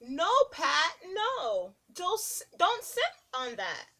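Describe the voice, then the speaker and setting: Her pitch sits high as this woman, a preschool teacher, reads a rhyming picture book to young children. She performs it in a deliberate, expressive, sing-song manner.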